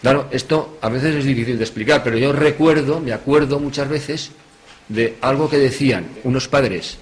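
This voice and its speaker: Spanish man telling a lively religious talk. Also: medium pitch, normal speed. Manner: lively, swinging between loud stress and quiet asides. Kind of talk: storytelling talk. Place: hotel meeting room.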